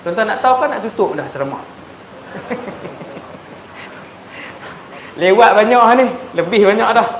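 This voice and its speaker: A man with a Malaysian Malay accent preaching a sermon, telling stories animatedly and swinging between loud emphasis and hushed tones. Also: high voice, expressive, slow, pauses often. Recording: echoey hall with faint noise.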